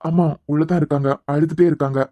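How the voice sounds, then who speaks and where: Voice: medium pitch, steady tone, fast talker, warm tone, no echo, natural voice. A loyal young friend in a cartoon serial frets and explains things in a rush, voiced by an actor. He speaks with a Kanyakumari Tamil accent. The sound is close and dry.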